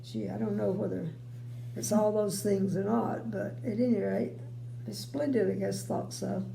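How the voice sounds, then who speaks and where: An older woman reads a bedtime story in a slow, mellow voice. She adds folksy, chatty asides as she goes. The room sounds echoey, with a faint hum. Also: mid-range voice, vocal fry. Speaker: grandmother reading bedtime stories. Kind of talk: read-aloud storytelling with casual chatty asides. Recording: roomy home recording, faint hum.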